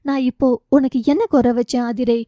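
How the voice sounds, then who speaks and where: An anxious, pleading husband, voiced by a woman narrator in an audiobook. He urges and insists in a high, soft tone that barely shifts from the reader's own. The recording is close and dry. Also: steady tone, brisk, no room sound, highs cut off, lightly acted.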